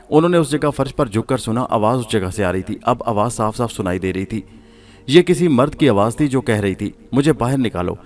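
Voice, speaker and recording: A man reading a suspense horror serial aloud as a storyteller, in a steady, measured way. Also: mid-range voice.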